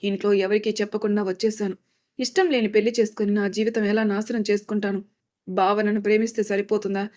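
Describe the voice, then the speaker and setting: A woman's voice: medium pitch, little pitch movement, fast talker, a little mellow, close to an everyday voice. Frightened young woman voiced by a woman narrator, anxious, pleading, audio story.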